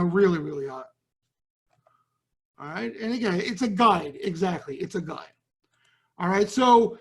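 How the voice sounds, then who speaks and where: A man with a Brooklyn accent hosting a trading show, talking casually and bluntly to viewers and often checking in with "right?". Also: high-pitched. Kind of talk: casual market talk to viewers.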